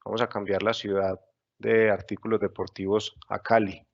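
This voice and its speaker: A man walks through a webinar tutorial patiently, step by step. His low voice has a gravelly edge, and the audio sounds dull and lo-fi. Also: level tone, normal speed. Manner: patient step-by-step explaining with frequent fillers. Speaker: software instructor. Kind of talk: screen-share webinar tutorial.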